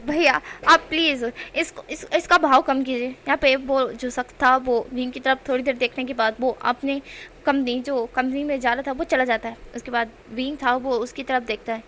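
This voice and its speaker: A woman's voice: high voice, little pitch movement, moderate pace, a little hiss or hum. A woman retelling a story in a chatty, casual way, repeating herself and using fillers. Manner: chatty, repetitive narration with fillers.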